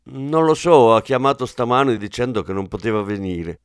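A man's voice: medium pitch, animated, normal speed, smooth, no room sound, natural voice. A man voices a dutiful male forensics officer in an audiobook. He reports politely and formally. The recording is dry and close. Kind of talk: audiobook character voice.

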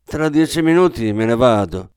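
A man's voice: medium pitch, lively intonation, moderate pace, a little mellow, smooth, dry recording, clean studio sound, natural voice. Humble, polite young drifter voiced by a male narrator in a storybook reading, earnest and plain. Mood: pleading.

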